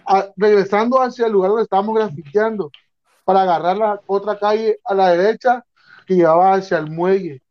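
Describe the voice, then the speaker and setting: A young man from Mexico, telling a story in casual chat, slangy and animated, acting out the other people's voices. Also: sits high, fairly quick. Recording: dull lo-fi sound.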